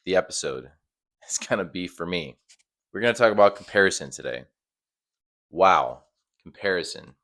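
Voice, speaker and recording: A young man with a low voice that sounds husky and sleepy, as if he just woke up. He hosts a casual motivational talk, reflective and informal, with halting phrasing. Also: expressive, a bit bright. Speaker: host.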